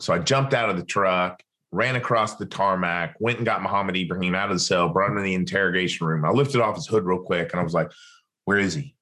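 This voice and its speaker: A man's voice: low voice, fairly bright tone. A man, a podcast guest, telling a story in conversation and acting out the dialogue of the people in it.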